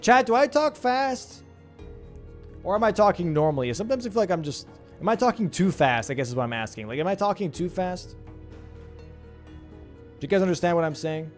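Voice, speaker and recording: Young man, esports caster, live play-by-play, casual chatty delivery, slightly raised pitch, soft background music. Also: expressive, a little fast, pauses often. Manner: casual, slangy, chatting with stream chat between calls.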